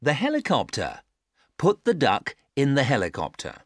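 A woman's voice: a bass voice, huge pitch swings, moderate pace, no room sound, clean studio sound, full character voice. A woman acting a patient adult giving simple instructions in careful, stilted textbook dialogue. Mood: patient, instructive. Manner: careful, over-clear instructing.

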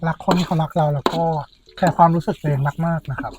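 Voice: medium pitch, fast. A food vlogger and host chatting casually and informally, speaking straight to followers. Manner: informal, chatty, addresses viewers directly. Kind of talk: casual mukbang chat to followers. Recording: dull, lo-fi sound with background music.

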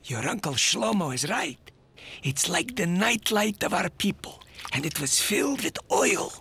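An actor playing a fussy, sharp-tongued old grandfather in a cartoon, scolding and then narrating. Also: very high-pitched, sing-song, measured pace, exaggerated voice. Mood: storytelling. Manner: scolding, fussing. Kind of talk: cartoon voice acting.

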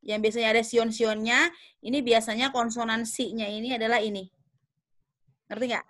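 A young female English teacher with a slightly high, somewhat bright voice and level tone speaks briskly to her class. She explains patiently, thinks aloud with fillers and self-corrections, and frequently asks whether the students understand.

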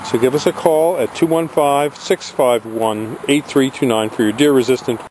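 A man selling plants from his nursery in a homemade pitch, salesy and repetitive. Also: normal speed. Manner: salesy, repeats phone number. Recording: outdoor camera audio with faint noise.

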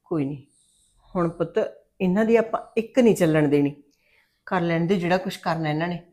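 A woman's voice: on the low side, brisk, warm tone, lightly acted. A middle-aged woman with a Punjabi accent, playing a mother who reassures her daughter in a web series drama. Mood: reassuring. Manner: protective, reassuring.

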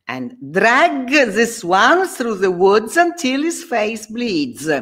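A proud, scornful sorcerer who talks down to his enemies, read out by a woman teacher. His lines come slowly, with pitch that climbs and falls. Each sneering word is stressed. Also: sing-song, a bit bright, heavily acted. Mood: commanding.

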